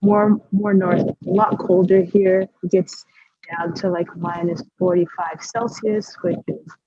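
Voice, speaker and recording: Young woman, guest on a call, relaxed, fading endings, muffled lo-fi audio. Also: on the low side, a little slow, slightly rough, no room sound. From Canada. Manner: relaxed, trails off softly, many fillers. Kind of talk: casual interview chat.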